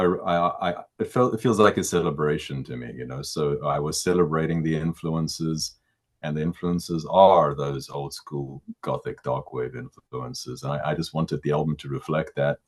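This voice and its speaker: This middle-aged man, a musician with a baritone voice, responds to an interviewer in a loose, stop-start manner. As he works out his thoughts, words frequently come out twice.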